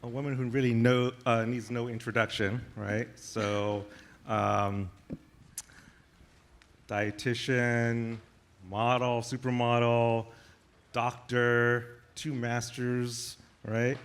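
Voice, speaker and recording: A man interviewing a guest on stage, hesitant and filling pauses with ums and uhs. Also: medium pitch, flat delivery, clean tone. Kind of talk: onstage interview.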